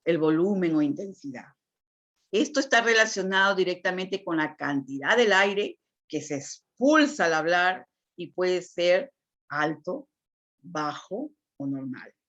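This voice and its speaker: A woman's voice: lowish voice, expressive, takes it slowly. A woman teacher giving a lecture on communication, explaining patiently and checking in with frequent tag questions. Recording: dull lo-fi recording.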